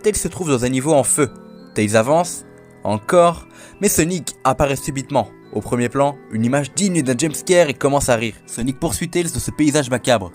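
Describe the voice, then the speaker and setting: A man's voice: medium pitch, a little mellow. A man hosting a video, casually recounting an internet horror legend in a chatty, joking way and talking straight to his viewers. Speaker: host.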